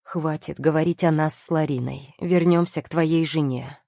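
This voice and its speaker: A woman's voice: low voice, fairly even intonation, moderate pace, vocal fry, dark tone, no echo, studio quality. A woman reading the lines of an angry, passionate young male lord in an audiobook, speaking hard and firm.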